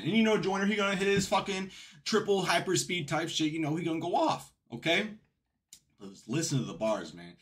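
A man's voice: mid-range voice, a bit bright. A man hosting a music reaction video, talking in a hyped, slangy, casual way.

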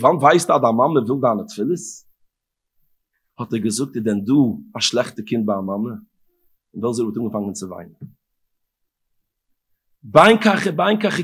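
A male rabbi giving a Torah lecture, chanting scripture verses in a rising sing-song and swinging from hushed murmurs to emphatic outbursts. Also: medium pitch, slightly rough.

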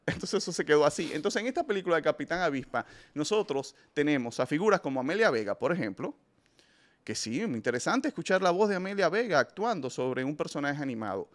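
With a slightly high, expressive voice and a quick pace, another film review show host delivers casual, opinionated commentary. He speaks emphatically to listeners and keeps restarting his sentences.

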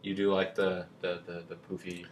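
A man's voice: low-pitched, completely flat delivery, normal speed. Goofy young man co-hosting a game. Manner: jokey, teasing, goofy asides. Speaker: let's play co-host. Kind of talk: casual gameplay chat.

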